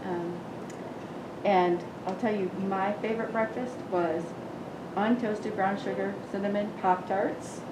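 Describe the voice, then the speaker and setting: A middle-aged woman introduces herself at a workshop and speaks slowly, in a measured, drawn-out way. The room is echoey, and steady noise sits behind her voice. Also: mid-range voice. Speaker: research office staff.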